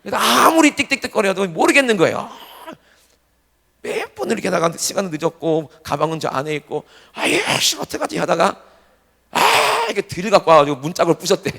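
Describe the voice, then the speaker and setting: A man preaching a revival sermon to a congregation, animated and often shouting, firing off rhetorical questions. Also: high voice, quick pace, vocal fry. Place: church sanctuary. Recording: reverberant church hall.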